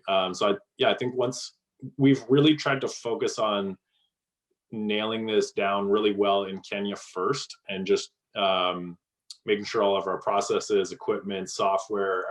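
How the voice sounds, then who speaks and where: A man's voice: lowish voice, low-quality recording. A man answering interview questions about his company in a casual way, with many fillers and restarts. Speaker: guest, company co-founder.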